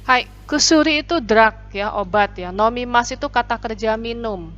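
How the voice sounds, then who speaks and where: A woman teaching a language class, patiently explaining vocabulary and repeating phrases slowly for students. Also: fairly high pitch, a bit bright, soft background music. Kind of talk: online classroom lesson. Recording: dull lo-fi recording.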